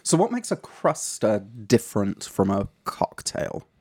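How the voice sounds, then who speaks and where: A man's voice: lowish voice, huge pitch swings, a little slow, darkish tone, husky. A man in a casual chat, tasting and asking curious questions with a dry, joking manner. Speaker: co-host tasting the drink.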